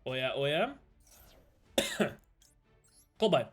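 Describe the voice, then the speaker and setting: A British man chatting casually while streaming a card game, thinking aloud, greeting viewers and breaking into sudden excited outbursts. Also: medium pitch, takes it slowly, faint music behind. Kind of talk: casual live-stream gameplay commentary.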